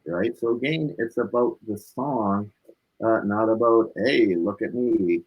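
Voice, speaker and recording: A musician with a husky, fairly low voice is interviewed, speaking unhurriedly in a casual, reflective way and repeating points for emphasis. The recording quality is low.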